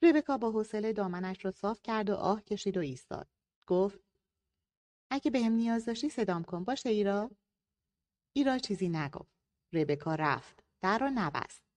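A woman narrating a novel and reading the characters' dialogue in slightly shifted voices. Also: lively intonation. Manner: lightly voices characters, higher and louder for dialogue. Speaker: audiobook narrator.

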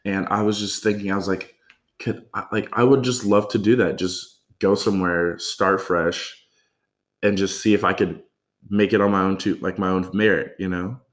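A man with a low-pitched, steady voice at a moderate pace hosts a podcast. He's friendly and casual, and his talk is thick with filler, especially the word "like."

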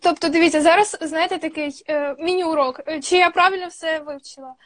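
A Ukrainian woman hosting a podcast, with a very high voice recorded close and dry. She repeats what she learns and checks with quick short questions. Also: fairly even intonation, a bit bright, no echo. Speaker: podcast host. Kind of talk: casual interview.

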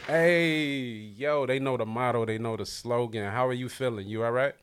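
A man's voice: mid-range voice, normal speed, a little hiss or hum. A man hosting a casual hip-hop podcast, talking loosely and hyped with lots of slang. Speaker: podcast host. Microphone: livestream podcast setup.

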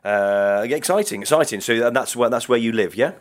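A man's voice: mid-range voice, expressive, fairly quick. A man hosting a casual chat, eagerly repeating his words and questions. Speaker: radio host.

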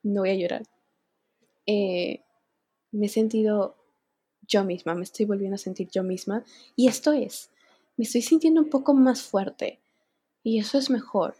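Young woman vlogger, husky and mellow, speaking openly and unscripted. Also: mid-range voice, normal speed. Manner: candid, emotional, near tears at times. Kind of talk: unscripted personal vlog.

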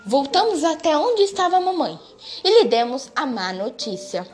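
Woman storyteller, higher voice, measured expressive reading, light music underneath. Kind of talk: story read aloud. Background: faint music.

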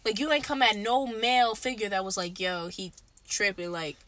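A woman's voice: mid-range voice, moderate pace, a bit bright. A woman co-hosting a casual podcast chat, speaking in a blunt, emphatic and slangy way with plenty of swearing. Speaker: podcast co-host.

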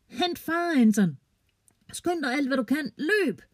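A storyteller voicing a young girl who is easily frightened but stays brave, speaking in quick, anxious questions. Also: medium pitch, mellow, breathy edge, no room sound, studio quality, voice pushed up, natural voice. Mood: panicked.

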